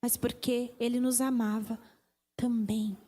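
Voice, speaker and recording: Uma mulher com sotaque brasileiro prega num culto de igreja, enfática e repetindo frases para dar ênfase. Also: female voice, fairly high pitch, little pitch movement, unhurried, mellow. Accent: Brazilian Portuguese. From Brazil. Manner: emphatic, repeating phrases for stress. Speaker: preacher. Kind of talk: sermon. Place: church service.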